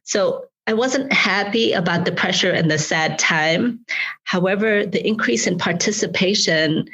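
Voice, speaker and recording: A woman's voice: medium pitch, unhurried, fairly bright tone, breathy edge, lo-fi sound. A woman in her forties from Malawi, a school board president answering interview questions earnestly, often repeating words as she finds her phrasing.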